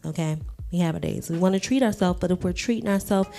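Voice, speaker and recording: A woman's voice: fairly low pitch, quick pace, gravelly, mellow. A woman from Washington, D.C., co-hosting a casual podcast chat, candid and frank, with some swearing. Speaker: podcast co-host.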